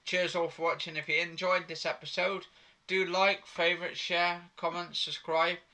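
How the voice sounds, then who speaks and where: Excitable young gaming host. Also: male voice, high voice, normal speed. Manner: animated, exclaiming at the game. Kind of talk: excited gameplay commentary. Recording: train game noise behind.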